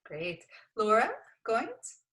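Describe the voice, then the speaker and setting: Woman, meeting host, bright voice, upbeat, brief, video call. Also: on the high side, sing-song, drawn-out words.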